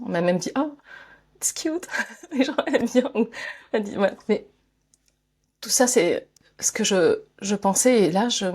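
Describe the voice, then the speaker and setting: With a medium-pitched, darkish voice, this woman from France is a guest author and speaker in a conversational interview. Her speech is full of fillers, restarts and frequent laughter as she thinks aloud.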